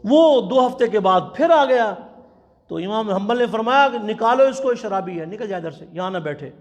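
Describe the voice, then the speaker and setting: High-voiced man preaching in a reverberant mosque. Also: expressive. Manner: impassioned storytelling, chanting quotations slowly. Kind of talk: sermon at a religious conference. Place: large mosque. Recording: long hall reverb.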